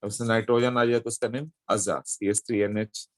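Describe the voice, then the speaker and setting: A man's voice: fairly low pitch, steady tone, brisk, no echo. A man teaching a chemistry lesson, explaining step by step and checking in with his students as he goes. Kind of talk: classroom lecture.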